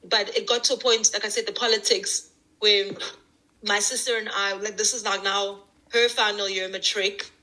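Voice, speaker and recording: Bright-voiced South African woman telling stories. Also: medium pitch, normal speed, low-quality recording. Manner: animated, candid storyteller with frequent restarts and laughter. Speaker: guest. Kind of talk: casual podcast storytelling.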